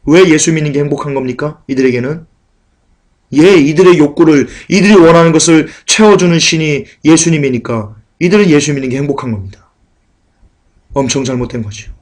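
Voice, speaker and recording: Korean preacher guy, kinda high voice, swings from mocking mutters to loud shouted warnings. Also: fairly quick. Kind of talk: sermon.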